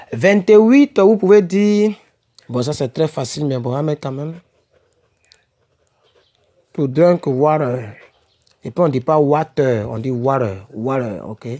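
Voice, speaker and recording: Slightly high and warm, the man's voice leads a casual home-made English vocabulary lesson aimed at French speakers. He repeats words, checks in with "ok?" and "n'est-ce pas?", and corrects himself as he goes.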